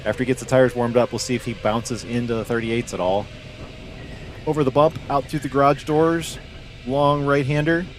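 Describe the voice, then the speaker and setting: A man hosting and commenting live kart racing from an announcer booth on a headset, talking in a relaxed, chatty way. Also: medium pitch, normal speed, a little hiss or hum. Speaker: race commentator and host. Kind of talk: live race commentary and interview.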